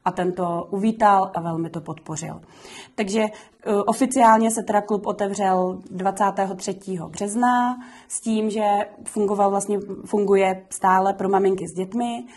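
A woman's voice: medium pitch, fairly even intonation, a little mellow. A woman who runs a kindergarten, giving earnest, explanatory answers in a documentary interview, with frequent fillers. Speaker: kindergarten director.

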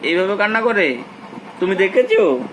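A woman's voice: medium pitch, big pitch swings, moderate pace, noisy background. A woman vlogger making a casual family video and cheerfully coaxing a small child to play along.

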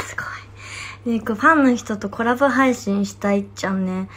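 A young woman in her twenties from Fukuoka, Japan, an idol with a Hakata dialect accent, talks fairly quickly in a medium-pitched voice during a phone livestream for fans. She chats, responds to the comments she reads, and occasionally lowers her voice to soft whispers, against background noise.

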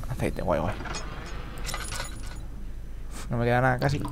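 A man's voice: medium pitch, expressive, a little slow, creaky, noisy background. A man giving frantic horror game commentary, swearing a lot and repeating words in panic. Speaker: gamer.

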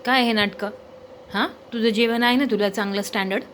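A woman's voice: fairly high pitch, steady tone, fairly quick, fairly bright tone, slight background noise. A woman chatting casually to her pet dog, coaxing and teasing it with repeated questions. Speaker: pet owner vlogger.

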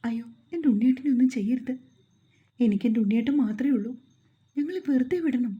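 Tearful young woman, pleading, higher pitch, husky, woman reading, storybook. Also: a little fast, lo-fi sound. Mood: begging.

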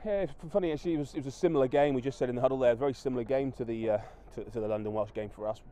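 A man's voice: mid-range voice, very fast, mellow, slight background noise. A man in his thirties, a rugby coach, giving a post-match interview outdoors at a floodlit ground, talking with many fillers and restarts.

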